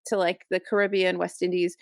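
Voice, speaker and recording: A woman's voice: on the low side, a little fast, gravelly, no room sound. Ranting woman on a close podcast mic. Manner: animated, exasperated ranting with many restarts. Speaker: podcast co-host. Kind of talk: casual chat.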